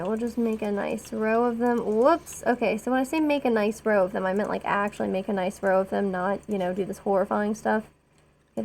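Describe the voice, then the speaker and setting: A woman's voice: on the high side, darkish tone, slight background noise. A woman streaming a colony-building game, chatting casually with rambling, self-deprecating asides. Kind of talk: casual gameplay commentary.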